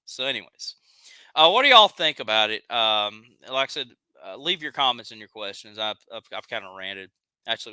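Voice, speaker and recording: A man's voice: mid-range voice, bright, forceful tone, clean tone, no room sound. A man with a Southern accent hosting a live stream, ranting heatedly and reading chat comments aloud. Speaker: live show host.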